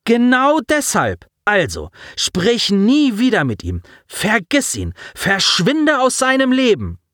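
A male narrator voicing an outraged young woman in a sci-fi audiobook, shouting and scolding. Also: a little high, huge pitch swings, slow pace, no echo, clean studio sound, pitched above the performer's own voice, full character voice. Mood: furious. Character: furious young woman protecting her friend.

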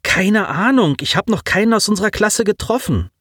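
An anxious teenage boy, stranded on a wrecked ship, as a man reads him aloud in a raised, youthful pitch. He talks in an earnest, hurried way, and his voice swings up and down. The sound is dry and close. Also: expressive, a bit bright, husky, no echo, exaggerated voice. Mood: worried, hurried.

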